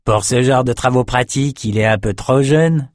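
A man's voice: mid-range voice, moderate pace, dry recording, studio quality, voice pushed up, lightly acted. A man voicing a leering, menacing male thug.

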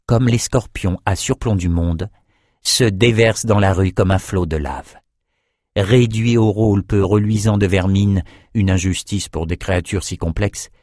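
Low-voiced man narrating a fantasy tale. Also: a little mellow, no echo, clean studio sound. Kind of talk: storybook narration.

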